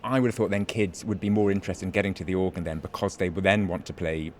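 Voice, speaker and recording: Deep-voiced male interviewer. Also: fairly even intonation, fast talker. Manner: inquisitive, thoughtful questioner. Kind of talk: interview questions. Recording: faint background noise.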